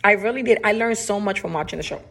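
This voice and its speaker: Woman, Spanish accent, podcast host, casual monologue, chatty, emphatic, repeats phrases, mid pitch. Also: fast, creaky, background noise.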